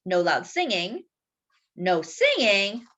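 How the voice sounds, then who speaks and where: In a muffled recording, a woman with a mid-range voice tells a picture-book story to young children. She's lively, stretching out important words for emphasis and talking directly to her audience.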